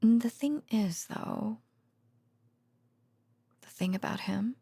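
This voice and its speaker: In an intimate bedtime audio roleplay, a woman plays a tender, worn-out researcher girlfriend, speaking haltingly and slipping into whispers in a sad, pitying mood. Her mid-range voice is gravelly, warm, breathy, and exaggerated, recorded dry.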